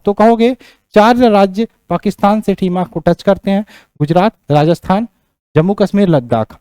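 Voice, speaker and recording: High-voiced male teacher giving a lecture. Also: mellow, dry recording. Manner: repeats key points, keeps checking in with "theek". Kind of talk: classroom lecture on geography.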